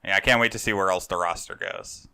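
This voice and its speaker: A man's voice: low voice, steady tone, fast, sharp tone, smooth, dry recording, studio quality. A young man co-hosting a casual gaming podcast, joking and swearing casually. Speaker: podcast co-host.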